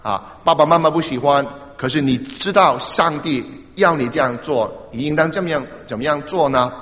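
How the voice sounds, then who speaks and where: An older man preaching a storytelling sermon, halting often to repeat words and dropping in small interjections. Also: on the high side, a bit bright. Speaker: pastor. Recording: echoey hall, dull lo-fi sound.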